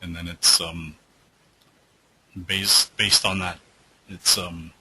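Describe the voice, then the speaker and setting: A man's voice: sits low, level tone, takes it slowly, creaky, bright, forceful tone, breathy edge, low-quality recording. A man hosting a live trading webinar who answers viewer questions in a loose, rambling way with lots of fillers, and who is losing his voice.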